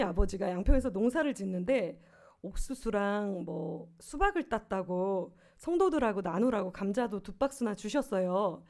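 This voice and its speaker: A woman's voice: medium pitch, a little mellow. A woman in her fifties, a pastor, preaching a sermon with earnest personal stories and rhetorical questions. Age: 50s. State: swollen tonsils.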